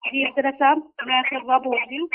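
A woman's voice: high voice, fairly even intonation, moderate pace. A woman calling in over a crackly, unclear phone line, speaking earnestly and pleading, often repeating herself. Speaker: caller. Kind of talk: phone-in call to a spiritual guide.

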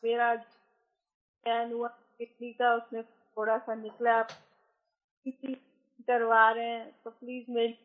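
A woman's voice: a little high, monotone, slow, pauses often. A worried woman calling in to an advice show, her voice cutting out over a bad phone line. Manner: worried, pleading. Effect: phone line breaking up, voice cutting out. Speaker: caller. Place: calling from abroad. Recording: muffled phone line with dropouts.

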